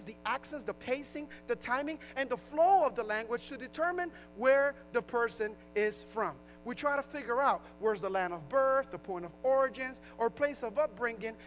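A pastor from Puerto Rico who has a New Jersey accent preaches a sermon conversationally, often restarting phrases and rising into emphasis. His voice is high-pitched, and the audio is poor.

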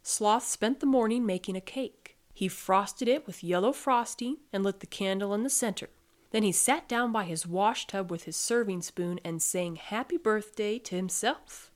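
A woman reads a storybook aloud in a gentle, even way, savoring the playful sound words. Her voice sits at a middle pitch. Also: moderate pace. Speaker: podcast reader.

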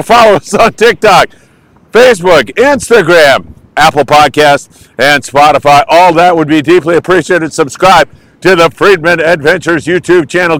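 Male American vlog host, upbeat and folksy, slightly high voice, casual report delivered outdoors with a dry, open sound. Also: fairly bright tone, no room sound, rough recording. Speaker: host of a fishing news vlog. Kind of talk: casual fishing report to camera. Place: outdoors on a windy beach.

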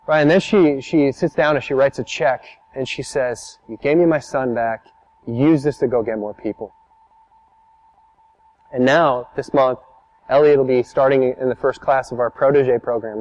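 A man's voice: mid-range voice, darkish tone, muffled recording. A man preaching a sermon as a pastor, telling stories in a conversational, emphatic way.

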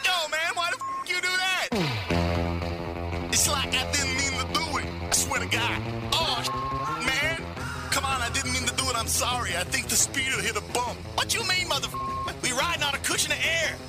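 A frantic, foul-mouthed trooper with a very high, slangy voice, as a man puts him on for a comedy radio sketch. Loud music plays behind him. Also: big pitch swings, normal speed.

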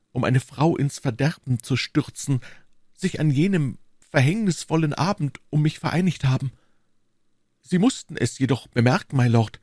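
A man reading an audiobook, voicing a proud, sorrowful young queen in a measured, earnest way. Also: on the high side, a little mellow, breathy edge, dry recording, studio quality, heavily acted. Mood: earnest, defensive. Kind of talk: audiobook reading of a classic novel.

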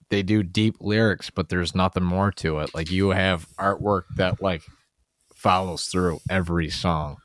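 Low-voiced man hosting a casual podcast. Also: no room sound, studio quality. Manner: loose, filler-heavy questions. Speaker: podcast host. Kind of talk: casual interview chat.

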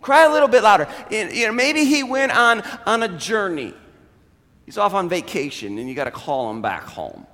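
A pastor gives a sermon in a very high voice, swinging his pitch around as he tells the story. He acts out the characters' lines as he goes. His voice rings with a long reverb, like a large hall. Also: moderate pace. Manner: animated retelling with voiced quotes.

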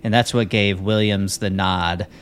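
A man's voice: lowish voice, fairly even intonation, measured pace, clean tone. A man co-hosting a podcast in casual chat, rambling with lots of fillers and restarts. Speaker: podcast co-host.

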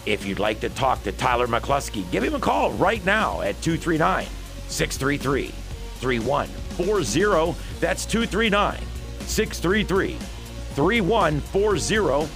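A man's voice: a little high, big pitch swings, measured pace, gravelly. An American man reading a scripted radio promo as a station announcer. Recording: music bed behind the voice.

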